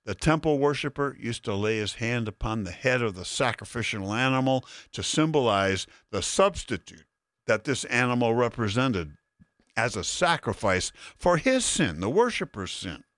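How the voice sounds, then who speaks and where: Guy preaching a sermon, measured and emphatic, mid-pitch voice, dry close sound. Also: very animated, fairly bright tone, no room sound. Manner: deliberate, emphatic Bible exposition. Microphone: broadcast sermon addressing listeners.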